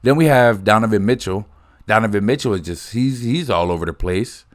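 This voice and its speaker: A man's voice: fairly low pitch, brisk. A young man in a rambling, profane casual rant, talking close to the mic. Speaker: host.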